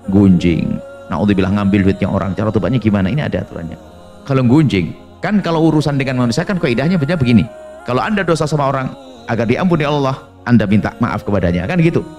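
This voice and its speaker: A man preaching a sermon in an animated storytelling way, acting out little dialogues and laughing along. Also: medium pitch, fast talker, faint music behind.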